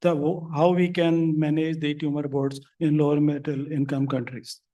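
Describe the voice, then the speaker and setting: Man, panelist, mellow tone, halting delivery. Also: on the high side, little pitch movement, poor audio. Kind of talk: speaking on a conference panel. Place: conference hall.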